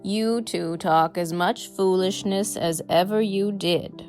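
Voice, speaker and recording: A stern yet indulgent old grandmother, acted by a woman in a storybook drama. She speaks very slowly and seriously, reproving and literal, with music behind her. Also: on the low side. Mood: half reproving. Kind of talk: dramatized audiobook character acting. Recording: music bed under the voice.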